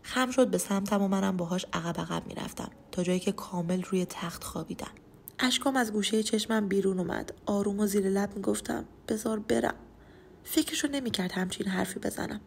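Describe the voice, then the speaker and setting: A woman's voice: medium pitch, vocal fry, a little mellow, slight background noise. A woman narrating a first-person true-life audio story in an intimate, emotional way.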